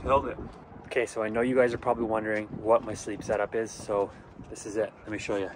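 A man's voice: lowish voice, flat delivery, fast talker. A young man, narrating a casual camping vlog in a laid-back, slangy way from a parking lot and his car. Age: young adult. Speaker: vlogger. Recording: loud outdoor and vehicle noise.

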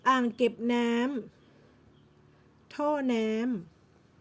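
A woman's voice: fairly high pitch, steady tone, very slow, fairly bright tone. A Thai-accented woman teaching English vocabulary, patiently explaining words and repeating each English term several times. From Thailand. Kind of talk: slow vocabulary lesson.

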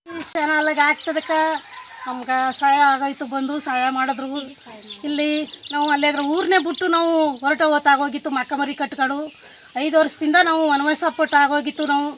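A village woman talks plainly to a reporter. Her voice is quite high. Insects chirp clearly behind her on an outdoor field recording. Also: fairly even intonation, normal speed, noisy background. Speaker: villager interviewed. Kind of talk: street interview.

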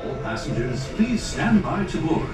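A man's station announcements come through a PA loudspeaker, heard from a distance with a booming echo and loud music underneath. He calls out to the crowd like a showman, and his voice sits a bit high and swings up and down widely. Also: big pitch swings, moderate pace. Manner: showman-style calling out to a crowd. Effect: over a PA system. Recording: echoey loudspeaker heard from afar.

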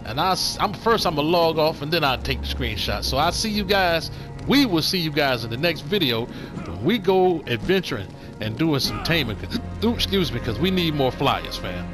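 A man's voice: fairly high pitch, lively intonation, moderate pace, music in the background. An older man hosting a gaming channel, giving casual, slangy commentary as he plays and talking to his viewers like family. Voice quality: slangy and laid-back, calls viewers fam.

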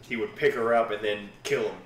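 A man's voice: lowish voice, fairly even intonation, brisk, a little hiss or hum. A young man giving casual commentary as he plays a video game. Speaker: gaming video host playing the game. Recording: roomy, distant mic, loud game music.

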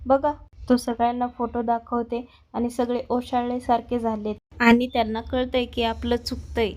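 A woman's voice: a little high, monotone, normal speed, darkish tone. A woman casually recapping a TV serial episode, talking straight to her viewers. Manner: chatty, addresses the audience directly.

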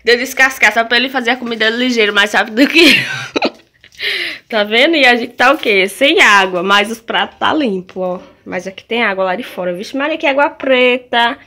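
A woman's voice: fairly high pitch, normal speed, sharp tone. A young Brazilian woman vlogging casually and chattily to her viewers, talking through her errands and her cooking. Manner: chatty, addresses viewers as "minha gente". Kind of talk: casual vlog chat. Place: street then a small home kitchen. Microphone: handheld phone camera. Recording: phone recording with clear background noise.

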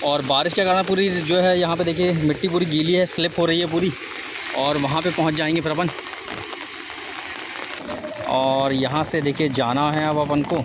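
Guy filming a waterfall trip on his phone, kinda high voice, loud rushing water behind him. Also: fairly even intonation. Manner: chatty, pointing things out to viewers. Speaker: travel vlogger. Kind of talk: casual walking tour narration. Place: outdoors at a rainy waterfall. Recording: loud outdoor water noise.

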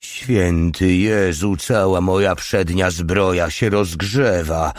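A man's voice: deep voice, takes it slowly, no room sound, clean studio sound. A male audiobook reader voicing a crude, leering young soldier who talks in a coarse, mocking way. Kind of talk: audiobook character reading.

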